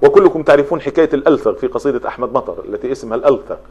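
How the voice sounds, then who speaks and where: A man's voice: medium pitch, rapid-fire, darkish tone, slightly rough, highs cut off. A man giving a spoken lecture on poetry, explaining step by step and running through long lists of examples. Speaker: literature lecturer.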